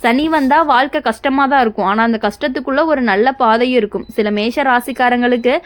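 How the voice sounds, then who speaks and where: A woman's voice: on the high side, a little fast. A woman presenting a horoscope in a reassuring, scripted way, speaking straight to the listener. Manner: reassuring, repetitive, direct address to listener. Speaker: astrology presenter.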